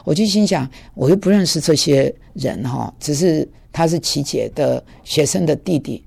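A man telling a conversion story in a sermon, acting out the dialogue and stammering when excited. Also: a little high, moderate pace, gravelly, slightly rough. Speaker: preacher giving testimony.

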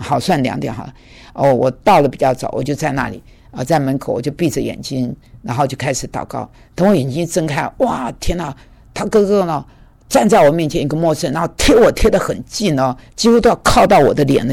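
A man telling a conversion story in a sermon, acting out the dialogue and stammering when excited. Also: a little high, creaky, husky. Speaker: preacher giving testimony.

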